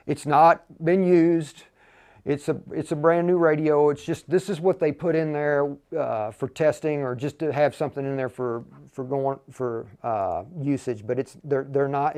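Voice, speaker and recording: A livestream host with a fairly high, slightly mellow voice gives an informal radio programming tutorial. He narrates his thoughts as he demonstrates the software step by step.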